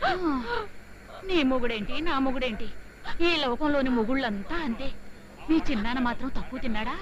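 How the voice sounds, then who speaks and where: A middle-aged actress playing a worldly aunt in a film scene, speaking in a sardonic, knowing way. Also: female voice, high-pitched, normal speed, dull audio, a crowd in the background, close to an everyday voice. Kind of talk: 1980s film dialogue.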